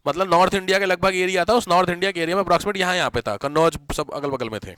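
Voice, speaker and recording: With a high, slightly bright, smooth voice, a man teaches history for exam preparation. He dictates his notes at a slow pace, spells out words one letter at a time, and says each term twice over.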